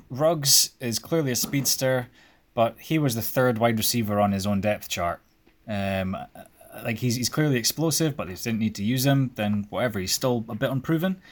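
A young man, hosting a casual sports chat with his father and rambling in a chatty way, full of fillers. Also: mid-range voice. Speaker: podcast host.

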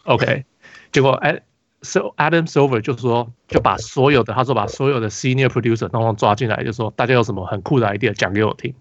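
A man's voice: medium pitch, brisk, no room sound, muffled recording. A man with a Taiwanese Mandarin accent, hosting a casual basketball podcast, telling a rambling story full of restarts and fillers. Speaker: podcast host.

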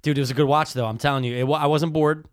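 A man's voice: a little high, fairly even intonation, racing. Teasing, slangy man chatting casually. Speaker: podcast co-host. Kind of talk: casual banter with friend.

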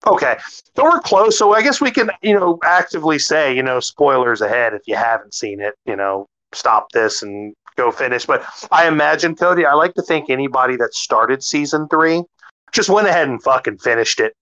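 A man co-hosting a casual podcast chat, excitable, swearing freely and stumbling over his words. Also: mid-range voice, normal speed, muffled recording. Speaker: podcast co-host.

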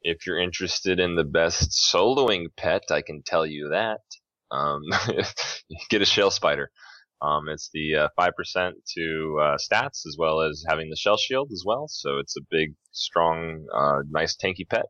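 Very deep-voiced man on a dull mic. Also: measured pace, pushed and bright, dry recording. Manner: chatty, laughs often, many fillers. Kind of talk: casual gaming podcast chat.

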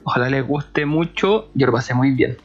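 A man's voice: mid-range voice, normal speed, slightly rough, lo-fi sound, faint music behind. A man hosting his own podcast, introducing a guest he admires and chatting with enthusiasm. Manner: eager, enthusiastic, warm fan. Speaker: podcast host. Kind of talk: casual podcast intro and interview.

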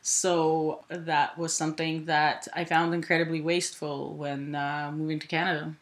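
A woman from Ukraine, a volunteer, answering interview questions thoughtfully, pausing with "uh" and correcting herself as she goes. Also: deep voice, level tone. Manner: thoughtful, with frequent "uh" and self-corrections. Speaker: volunteer with a food sharing group.

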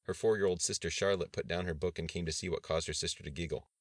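A male audiobook narrator reads in an extremely deep, low voice at a measured pace. The sound is dry and close, with no echo at all. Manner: measured, even reading. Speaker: audiobook reader. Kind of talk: scripted narration.

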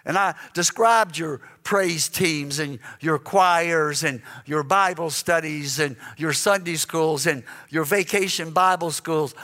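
A man's voice: high-pitched, fairly bright tone. A man preaching a sermon in a church, telling a story earnestly and often repeating words when he is moved. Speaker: guest preacher. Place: church sanctuary. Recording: long reverb of a large hall.

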